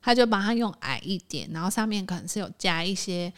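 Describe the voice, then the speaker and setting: A woman's voice: mid-range voice, fast. A woman speaks, chatting casually on a small podcast. She tells work stories with animation and jumps into the voices of the people in them. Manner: animated storyteller, acts out quoted people. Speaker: podcast co-host; designer. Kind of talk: casual chat.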